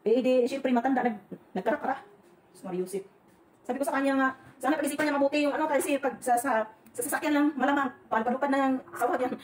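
A Filipina woman, rambling and venting in a casual vlog while cooking in a kitchen. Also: a little high. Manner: rambling, venting, quick chatty talk with laughs. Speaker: overseas domestic worker vlogger. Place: kitchen indoors. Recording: echoey room, faint background noise.

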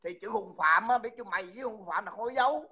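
A man's voice: high voice, fast, pushed and bright, breathy edge. A man, hosting a livestream and mockingly insulting someone over and over. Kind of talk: heated livestream taunting.

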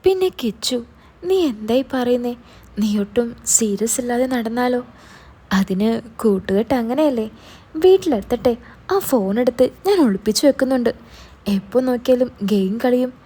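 A woman's voice: on the high side, animated, normal speed, warm tone, breathy edge. Woman voicing a scolding, loving older sister. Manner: scolding, exasperated, then tender. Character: scolding adult older sister, quick-tempered but loving.

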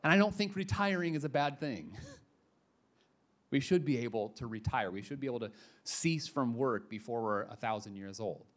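A male pastor preaching a sermon, emphatic, moving between quiet asides and loud punches, with casual slang. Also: mid-range voice, expressive, moderate pace.

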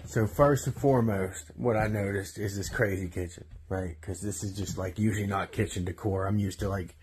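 A man narrating his own phone videos inside abandoned houses, crude and excitable, swearing constantly. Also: on the low side, normal speed, a little hiss or hum. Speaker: social media creator. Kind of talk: profane vlog narration over phone clips.

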